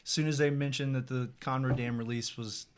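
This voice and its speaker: A man's voice: mid-range voice, fairly even intonation, fairly quick, background noise. A man who organizes a music festival, speaking in an easygoing way as a guest in a casual interview.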